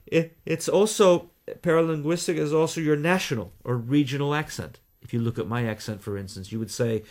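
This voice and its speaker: A Canadian man talking as a guest in a radio interview, explaining things in a measured way with deliberate pauses. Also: on the high side, a little mellow. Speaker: guest, communication trainer.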